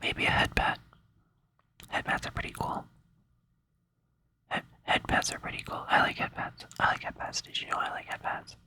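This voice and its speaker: Whispering breathily close to the microphone, this ASMR creator rambles in a sleepy, hesitant, playfully soothing way. The pace is normal, broken by long pauses, and the voice sounds pushed and bright.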